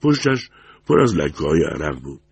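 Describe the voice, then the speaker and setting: A man with a gravelly voice narrating a story steadily, close to the mic. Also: extremely low pitch, sing-song, no room sound. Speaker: audiobook narrator.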